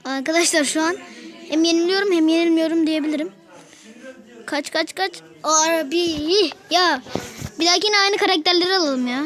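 A woman with a very high voice talks her viewers through a match. Her commentary is casual and excitable, and she bursts out quickly when things go wrong. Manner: excitable, quick frustrated outbursts, keeps addressing viewers. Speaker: gaming video host.

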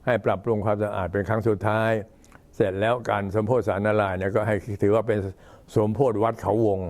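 Older male monk, low-pitched old man's voice, halting and unhurried, informally recounting temple history. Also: level tone, a little mellow. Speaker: Buddhist monk addressing temple visitors.

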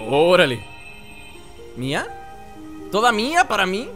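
A man with a Mexican accent commenting on a video game as he plays, joking and shouting at the screen. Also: high-pitched, huge pitch swings, slow pace. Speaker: gameplay host. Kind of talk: let's play commentary. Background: game music.

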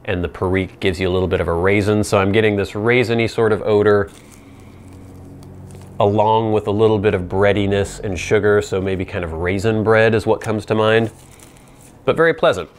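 A man in his thirties or forties giving an informal product review to camera, explaining in a measured, casual way with playful asides. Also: lowish voice, fairly even intonation. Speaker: pipe tobacco reviewer. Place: small indoor set with plain backdrop. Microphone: lapel mic.

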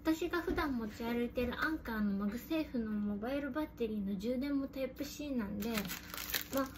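High, girlish anime-voiced woman. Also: brisk. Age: young adult. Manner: cute, girlish anime-style voice. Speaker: host of an unboxing vlog. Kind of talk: casual chat to camera while unboxing. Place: room at home. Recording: noisy room, rustling and clicks.

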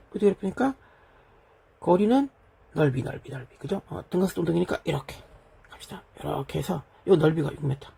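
A man's voice: high voice, creaky, warm tone, breathy edge. A middle-aged man teaching physics, working through an exam problem at the board and checking in with his students again and again. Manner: keeps checking in with "됐죠?" and "그죠?"; talks while writing on a board. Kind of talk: lecture solving an exam problem.

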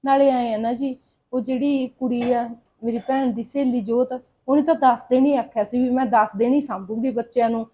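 Woman cast as a worried mother, coaxing and pleading, high voice, dull lo-fi sound. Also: steady tone, normal speed, close to an everyday voice. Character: young mother, soothing and worried. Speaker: mother in a family skit. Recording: dull lo-fi recording.

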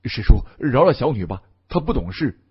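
A man voicing a harried middle-aged father who speaks in a lower, apologetic and pleading voice. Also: lively intonation, measured pace, husky, muffled recording.

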